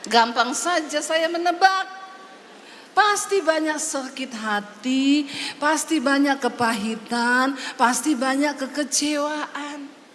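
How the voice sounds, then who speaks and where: A woman's voice: high voice, slow pace, a bit bright, big-room sound, a little hiss or hum. A woman pastor delivering a sermon, telling a story, joking and acting out conversations.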